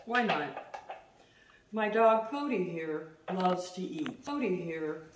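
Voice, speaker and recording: A middle-aged woman chatting casually as she demonstrates a recipe at home, self-deprecating and quick to laugh. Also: fairly low pitch, lively intonation. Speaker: home cooking host. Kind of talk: casual cooking demo. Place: home kitchen, indoors. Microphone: far camera. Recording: roomy, distant, noisy.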